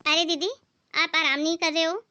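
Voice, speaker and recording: A woman voicing a meek young daughter-in-law who pleads softly, in an amateur family skit. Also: very high-pitched, fairly even intonation, moderate pace, a little hiss or hum. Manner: soft and pleading.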